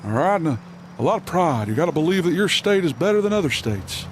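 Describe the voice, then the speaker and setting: A man's voice: fairly high pitch, very animated, quick pace, noisy background, pitched above the performer's own voice. A man doing a proud Texan cartoon dad. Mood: lecturing. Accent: Texan, imitated.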